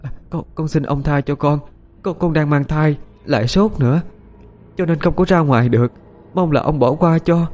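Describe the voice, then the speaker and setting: A man's voice: fairly high pitch, expressive, unhurried, dark tone, pitched above the performer's own voice. A man voicing a frightened nineteen-year-old pregnant wife who stammers and begs. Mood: pleading. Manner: trembling, stammering, pleading. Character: terrified pregnant young village wife, nineteen.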